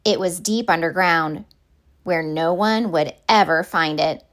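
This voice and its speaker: Reading a children's picture book as a storyteller, a woman speaks on the lower side of the pitch range with expressive, unhurried phrasing.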